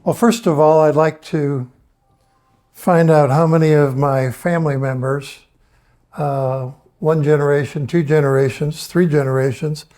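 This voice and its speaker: A man in his seventies talking casually to an audience, folksy and hesitant, often pausing on fillers and asking the crowd questions. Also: fairly high pitch, fairly even intonation, darkish tone. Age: 70s. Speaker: presenter.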